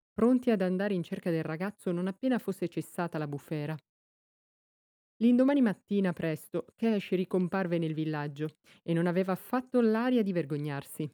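A woman's voice: on the low side, warm tone, dry recording, studio quality. A woman narrating a story aloud, reading steadily and giving voice to the dialogue.

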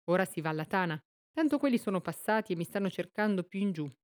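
A woman's voice: medium pitch, expressive, quick pace, a little mellow, natural voice. A woman reading aloud, voicing a cocky, scornful teenage boy with a mocking, swaggering way of talking.

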